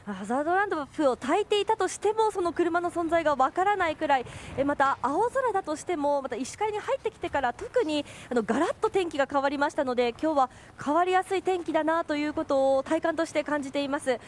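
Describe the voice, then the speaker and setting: A woman's voice: high-pitched, expressive, fast talker, few pauses. A woman working as a field reporter, giving an earnest, urgent live weather report. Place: outdoors in a snowstorm, also in a car. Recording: faint wind and traffic noise.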